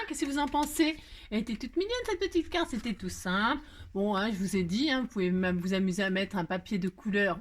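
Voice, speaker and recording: A woman hosting a casual card-making tutorial, thinking aloud and chatting to herself as she works, with affectionate goodbyes to her viewers. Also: medium pitch. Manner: warm, affectionate sign-off to viewers. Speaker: card-making crafter and channel host. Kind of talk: casual crafting tutorial chat.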